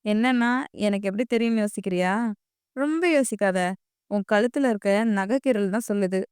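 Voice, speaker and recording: A bitter, sarcastic young man sneers in a low, fast voice, as a woman reads him in an audio story. The voice is clear and dry, right at the mic. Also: a little mellow, dry recording, lightly acted. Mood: mocking.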